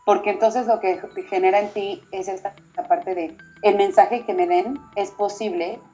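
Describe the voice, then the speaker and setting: A Mexican woman in her thirties talks through a family story in a relaxed, mellow voice, slipping into the voices of the people she quotes. The audio is dull and lo-fi, with faint music playing underneath. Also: medium pitch, normal speed. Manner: animated storyteller, acts out quoted dialogue. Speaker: mother discussing parenting. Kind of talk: casual conversational talk.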